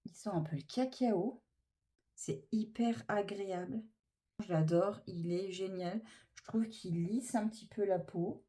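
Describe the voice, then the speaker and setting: A woman's voice: medium pitch, unhurried, mellow. A woman chatting casually through a makeup tutorial, gushing with enthusiasm over each product. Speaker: beauty vlogger.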